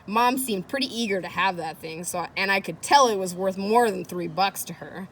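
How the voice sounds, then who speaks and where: This read-aloud host is a woman with a medium-pitched, fairly bright voice at normal speed, recorded with slight background noise. She reads a children's chapter book and chats directly with young listeners, engaging them through questions and commentary.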